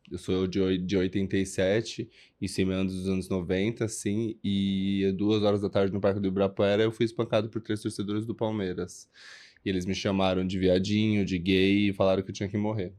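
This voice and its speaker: A man's voice: fairly low pitch, a little mellow. A man, a flamboyant and candid podcast guest telling his life story. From São Paulo, Brazil. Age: 30s. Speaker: guest, performer. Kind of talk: casual interview.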